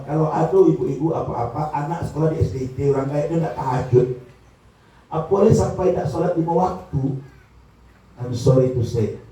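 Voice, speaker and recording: A man giving a religious lecture to parents, lively and jokey, often asking the audience questions. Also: on the high side. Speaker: preacher. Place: school hall. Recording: echoey hall from far off, faint noise.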